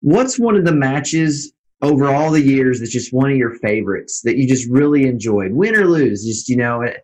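Male host, casual interview, meandering questions, mid-pitched voice. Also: expressive, normal speed, darkish tone, rough recording. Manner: loose, meandering questions with fillers.

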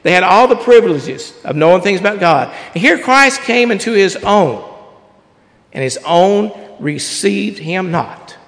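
Man, preacher, hoarse, folksy sermon, higher voice, long church reverb. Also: lively intonation, unhurried, fairly bright tone. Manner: folksy, rambling, reads scripture aloud. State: hoarse, losing his voice. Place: church before a congregation.

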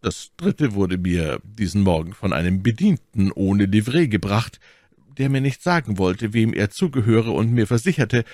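A man's voice: lowish voice, lively intonation, normal speed, a little mellow, dry recording, clean studio sound, pitched above the performer's own voice, natural voice. A man reading the part of a witty, elegant musketeer poet in a storybook reading, with an arch, lilting delivery. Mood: sly.

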